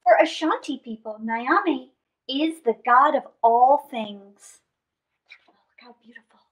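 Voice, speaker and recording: With dramatic gasps and drawn-out words, a middle-aged woman gives an expressive picture-book read-aloud and chats with children during story time. Her voice sits high and she goes slowly. She's in a small indoor space in front of draped fabric.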